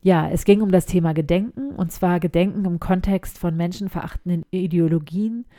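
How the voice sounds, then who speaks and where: A woman hosting a community radio show, relaxed as she sums up the episode in the studio. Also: fairly low pitch, a little fast, no room sound. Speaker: radio host.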